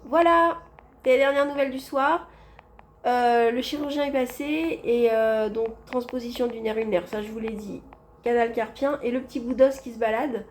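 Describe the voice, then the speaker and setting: Woman filming herself on her phone in a hospital room, kinda high voice, faint hiss behind. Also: steady tone, moderate pace, darkish tone. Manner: chatty, addresses viewers directly. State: tired after anesthesia. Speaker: vlogger. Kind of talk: casual hospital vlog. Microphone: phone held in hand.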